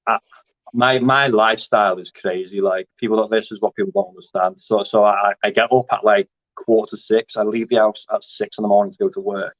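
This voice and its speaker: A man's voice: fairly low pitch, fairly even intonation, fairly quick, no echo. A man, chatting casually in an interview about his grappling, rambling with lots of fillers and restarts. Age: 30s. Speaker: grappling competitor. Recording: dry, dull lo-fi audio.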